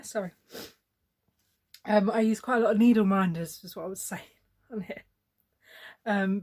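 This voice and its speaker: A woman's voice: mid-range voice, darkish tone. A woman chatting casually while she stitches, rambling and thinking aloud with plenty of fillers and restarts. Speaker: cross-stitch vlogger.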